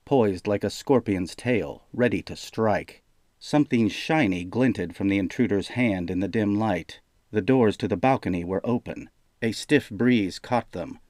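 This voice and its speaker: Low-voiced male audiobook narrator. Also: dry recording, clean studio sound. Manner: steady, measured storytelling. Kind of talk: scripted narration.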